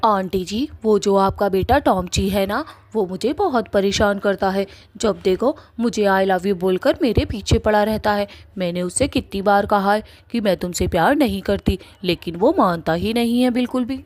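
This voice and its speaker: A woman's voice: mid-range voice, normal speed, hardly any pauses, darkish tone, natural voice. A feisty young woman snaps and threatens in a mid-range voice, as a woman acts her out. Her talk is blunt and scolding. The sound is that of a cartoon voice track. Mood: complaining.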